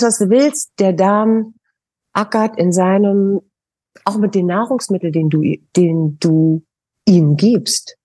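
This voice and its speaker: A woman's voice: lowish voice, darkish tone, breathy edge, no room sound. A middle-aged woman, a naturopath guest, giving emphatic, coaxing advice in a podcast interview.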